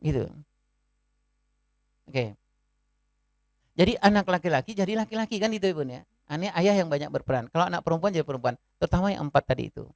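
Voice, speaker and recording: A man's voice: a little high, animated, fast, gravelly, long pauses, a little mellow, no room sound. A man giving a parenting seminar talk in a conversational manner, addressing the parents in the audience and acting out short family scenes. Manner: conversational, often addresses listeners as "Bun"; acts out short family dialogues in his talk. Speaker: parenting speaker.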